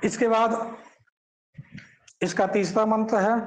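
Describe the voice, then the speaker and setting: Man slowly explaining Sanskrit verses. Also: high voice, fairly even intonation, rough recording. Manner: recites verses slowly, then glosses them with teacherly questions. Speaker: Sanskrit teacher. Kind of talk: explaining scripture line by line.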